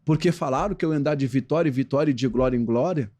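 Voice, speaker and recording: Brazilian male pastor, podcast guest, preaching rhythm, mid pitch. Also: quick pace. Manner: animated preaching cadence. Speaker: pastor and former footballer. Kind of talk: podcast interview.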